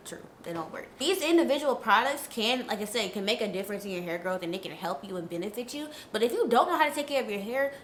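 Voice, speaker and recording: Stuffy from a cold, a young natural hair vlogger speaks at medium pitch, offering her viewers candid, talkative hair care advice in a casual video. The room sounds reverberant, with slight background noise.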